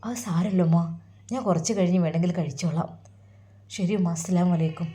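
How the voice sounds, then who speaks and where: A woman voicing a heartbroken, torn young man, speaking softly and sorrowfully. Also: on the low side, a little fast, natural voice. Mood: pleading. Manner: soft, sorrowful inner monologue.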